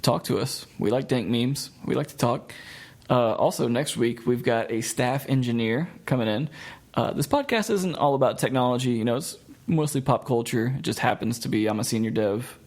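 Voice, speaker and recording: A man hosting a laid-back podcast with friends. His voice is average in pitch with a gravelly edge, and he laughs easily as he wraps up the episode and points listeners to the show's pages. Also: normal speed, a little mellow. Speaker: podcast host. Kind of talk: casual podcast chat.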